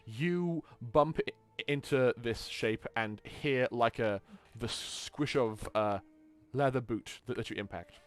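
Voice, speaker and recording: A man's voice: mid-range voice, slow, soft background music. A man narrating as game master, often stumbling and restarting his words. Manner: stammering, frequent restarts.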